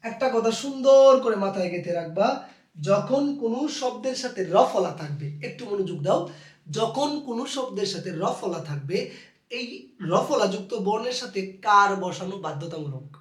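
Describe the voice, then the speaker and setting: A man teaching a pronunciation lesson, addressing students fondly and slowly repeating each rule. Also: sits high, expressive, distant mic. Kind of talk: recorded Bangla pronunciation lesson. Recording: echoey room, voice off-mic.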